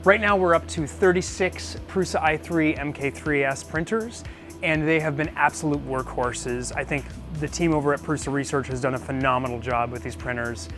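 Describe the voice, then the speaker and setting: A man's voice: fairly high pitch, normal speed, over music. A man giving an informal walk-through tour of his business, thinking aloud in a casual, self-deprecating way. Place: indoors, small business office and print shop.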